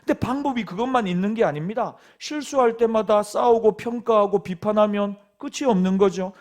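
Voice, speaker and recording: A middle-aged pastor with a Gyeongsang accent from Busan, preaching a sermon in a folksy, joking storytelling way. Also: male voice, high-pitched, a little fast, darkish tone.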